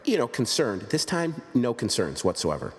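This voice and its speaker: A man's voice: mid-range voice, sing-song, normal speed, in a large hall. A man hosting a podcast in casual chat, rambling and joking at his own expense. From United States. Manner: joking, rambling, self-deprecating. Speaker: podcast host.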